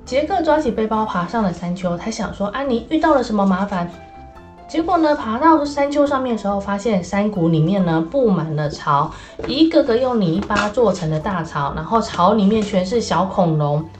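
A woman reading a children's story aloud, lively and animated, with many little fillers. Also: medium pitch, moderate pace. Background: soft background music.

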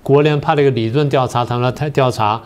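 An older man, a political science professor and guest on a talk show, explaining history in a slow, methodical way. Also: mid-range voice, steady tone. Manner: methodical, explains step by step with many pauses.

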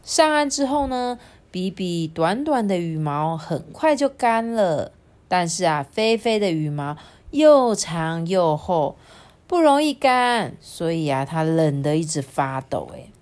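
A woman reading a children's picture book aloud at an unhurried pace. Her pitch bounces animatedly, and she lingers on small particles and sighs between phrases. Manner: expressive, drawn-out particles like 啊 and 哦, sighing fillers. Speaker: storybook reader.

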